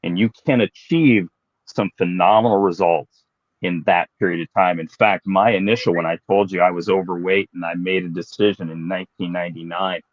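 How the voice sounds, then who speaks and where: A man in his late fifties, a fitness professional telling his own story in a relaxed, self-deprecating way during an interview. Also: sits low, brisk, no room sound, dull audio. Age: 50s.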